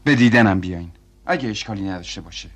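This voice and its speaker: A man voicing a calm, concerned family man in a dubbed film, speaking in a measured, apologetic way and then reassuringly. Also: lowish voice. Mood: earnest. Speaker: family friend recounting events. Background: film score.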